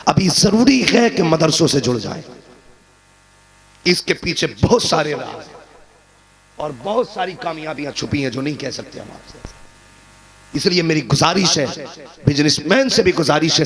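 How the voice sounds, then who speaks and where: A man preaching a sermon, rising to loud emphatic peaks and then dropping low. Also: sing-song, normal speed, pauses often. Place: gathering with a live crowd. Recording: crowd responding audibly.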